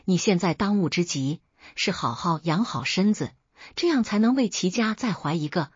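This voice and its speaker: A cold, impatient mother snaps and scolds in short bursts, as a woman reading the story puts her on. Her voice is very husky and rises and falls a lot. The sound is dull and lo-fi. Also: on the low side, expressive, normal speed, no room sound. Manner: scolding, brusque. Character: harsh middle-aged mother, cold and impatient.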